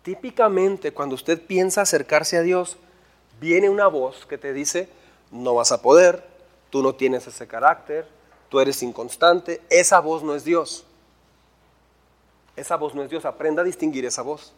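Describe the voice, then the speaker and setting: A male pastor with a notably high-pitched voice. He preaches in an animated way, firing rhetorical questions at the congregation and acting out little dialogues. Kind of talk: sermon.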